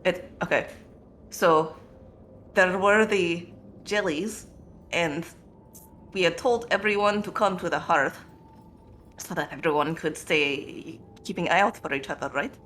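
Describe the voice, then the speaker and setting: A player improvising tabletop role-play narration in a halting, rambling, self-correcting way. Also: mid-range voice, fairly bright tone, a little hiss or hum.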